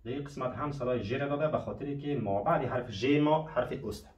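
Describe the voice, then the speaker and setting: A man's voice: mid-range voice, a little mellow. Man teaching in an echoey room. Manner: patient, asks and answers his own questions. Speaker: French teacher. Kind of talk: classroom lesson explanation. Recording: echoey room, mic at a distance.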